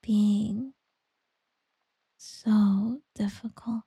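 A woman doing a whispered ASMR girlfriend roleplay, soft, teasing and doting. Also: mid-range voice, little pitch movement, very slow, gravelly, slightly rough, no echo.

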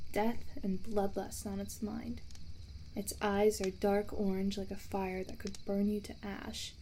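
A woman's voice: mid-range voice, slight background noise, close to an everyday voice. Woman playing a teasing young camper. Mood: spooky hushed. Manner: teasing, breaks into giggles; hushed, drawn-out storytelling. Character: playful young woman camping with the listener. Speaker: voice actor in a listener roleplay. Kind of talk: first-person audio roleplay addressed to the listener.

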